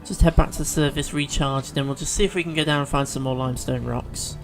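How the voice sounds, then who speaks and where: Gravelly man narrating gameplay. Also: on the high side, steady tone, fast, soft background music. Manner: chatty, thinking aloud with fillers and restarts. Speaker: let's play host. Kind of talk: gameplay commentary.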